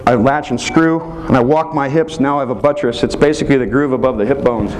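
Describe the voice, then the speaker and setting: Demonstrating football moves at a live clinic in a hotel meeting room, this man in his thirties walks through each one as he goes. He talks fast in a mid-range, darkish voice, on a rough recording with slight background noise.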